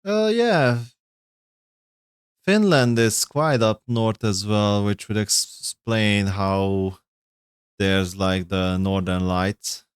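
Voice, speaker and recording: Male streamer, off-the-cuff reaction chat, rambling and self-correcting, smooth clear voice, dry close mic. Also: lowish voice, slow pace, no room sound. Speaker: streamer reacting to game lore. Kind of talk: casual livestream reaction chat.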